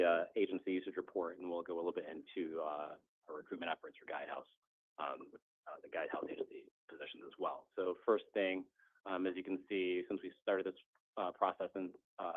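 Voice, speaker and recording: A man presenting a staffing report at a committee meeting, talking steadily with some fillers. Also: low-pitched. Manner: jokey, then steady with fillers. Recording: tinny phone-like line.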